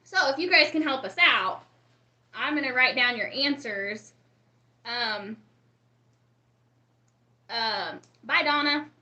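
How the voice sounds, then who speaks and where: A woman talks loosely and warmly to viewers on a home live stream, greeting them by name as they arrive. Her voice is bright and a little high. The room around her has a noticeable echo. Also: expressive, slow, pauses often, dull audio. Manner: chatty, reads and greets viewers from the chat. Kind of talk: casual live-stream chat. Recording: roomy echo.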